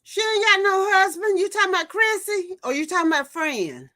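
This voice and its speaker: A woman's voice: extremely high pitch, big pitch swings, fairly quick, sharp tone. A woman in her fifties hosting a casual livestream, gossiping and reading viewer comments aloud before reacting to them. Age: 50s. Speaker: livestream host. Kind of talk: casual chat.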